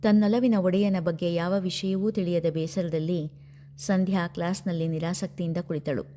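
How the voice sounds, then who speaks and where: Low, mellow woman storyteller. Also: steady tone, normal speed, a little hiss or hum. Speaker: storyteller host. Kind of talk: serialized novel reading.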